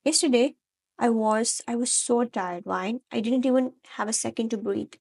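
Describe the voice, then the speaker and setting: A woman's voice: a little high, moderate pace, darkish tone. A woman voicing a remorseful young man who stammers as he pleads with his girlfriend in a fan-fiction audio story. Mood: pleading. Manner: stammering, earnest, breaking voice.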